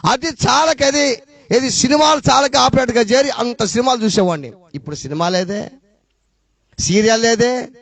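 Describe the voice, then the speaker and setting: A middle-aged man with a Rayalaseema accent preaching a testimony sermon, throwing out rhetorical questions and swinging between loud and low. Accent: Rayalaseema Telugu. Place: church.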